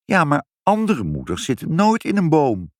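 Guy putting on a high curious little girl voice, eager, bouncy storybook kid. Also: huge pitch swings, moderate pace, no room sound, clean studio sound. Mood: insistent.

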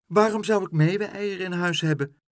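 A man's voice: high voice, fairly quick, dry recording, clean studio sound, voice pushed up, lightly acted. A man voicing a stern, bossy village baker's wife, curt and scolding, in a read-aloud children's story.

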